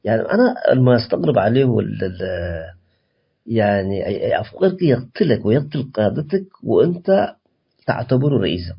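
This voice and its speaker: A man with a low, husky voice argues his case as a guest on a radio program, building heat as he goes. He breaks off and restarts phrases often, filling gaps with hesitations. The audio is dull and lo-fi, like a muffled broadcast. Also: animated. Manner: impassioned, halting with many restarts and fillers. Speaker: political activist guest. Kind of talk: radio interview answer.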